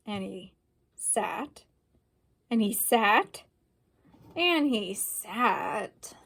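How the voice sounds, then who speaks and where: A woman reading a picture book aloud, slow and expressive, pausing to ask her listeners questions. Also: a little high, no echo. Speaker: storyteller.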